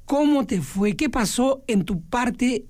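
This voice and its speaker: Brief: a woman doing a hesitant male vulture host, pitch swinging up and down, kids' radio show. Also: lively intonation, slow, a little mellow. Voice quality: full of hesitant fillers. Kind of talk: children's radio character show.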